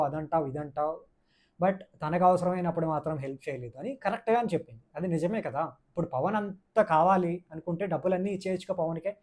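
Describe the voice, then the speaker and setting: A man offers a casual, opinionated review of a reality show, repeating his points for emphasis and mixing English words into his speech. He has a high, slightly mellow voice.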